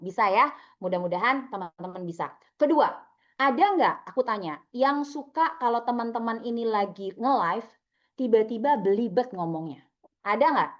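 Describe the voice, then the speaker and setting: A woman's voice: a little high, dull audio. A young woman coaching participants over a video call, upbeat and chatty, calling on people by name. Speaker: online trainer. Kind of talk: live video-call training session.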